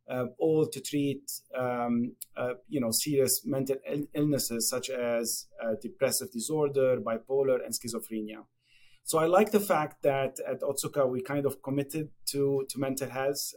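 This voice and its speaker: A middle-aged Lebanese pharmaceutical company executive, speaking with a Lebanese accent, answers questions as a guest in a podcast interview. He talks haltingly, with many fillers and restarts, in a mid-range voice with a darkish tone.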